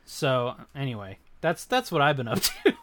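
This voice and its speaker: A man's voice: medium pitch, huge pitch swings, moderate pace, crowd noise. A man in casual chat, joking and teasing, often breaking into laughter.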